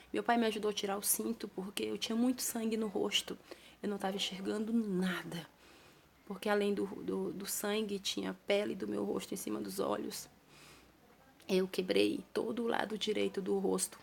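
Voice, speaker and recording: A woman's voice: mid-range voice, gravelly, a little hiss or hum. A young woman with a Brazilian Portuguese accent, telling her own story to camera in an earnest, plain-spoken way, with small restarts.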